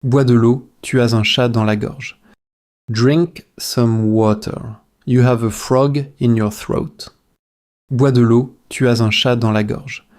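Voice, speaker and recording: This male teacher's voice sits in the mid range, steady and a little mellow. He goes through language drills phrase by phrase, measured and repetitive, for shadowing.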